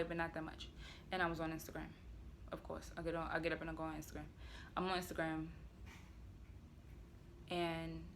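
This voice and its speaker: A woman vlogger telling a personal story to the camera in an earnest, confessional way, often going quiet, with blunt words now and then. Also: lowish voice, a little hiss or hum. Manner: blunt, with occasional swearing.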